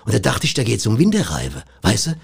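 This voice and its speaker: Gravelly, husky comedian telling muddled stories. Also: male voice, on the low side, huge pitch swings, a little fast. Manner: meandering, muddled storyteller. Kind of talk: comedy sketch banter.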